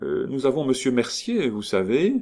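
A man reading a novel aloud, voicing a bold, teasing countess in a raised, mocking voice. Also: normal speed. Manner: lively, mocking, raises pitch sharply.

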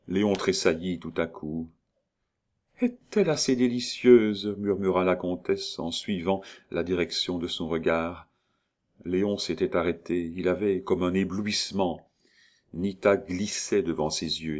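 A man reading a classic novel aloud in a measured, even narrating voice. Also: low-pitched. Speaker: audiobook narrator. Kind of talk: literary audiobook narration.

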